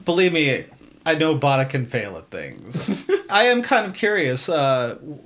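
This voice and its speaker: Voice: medium pitch, big pitch swings, unhurried, a bit bright, a little hiss or hum. A player in a tabletop role-play, teasing the others and laughing. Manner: teasing, giggly, curious questions.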